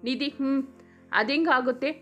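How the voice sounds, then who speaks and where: A woman's voice: sits high, a little slow, a bit bright, highs cut off, faint music behind. Shy sweet young woman, read by a woman.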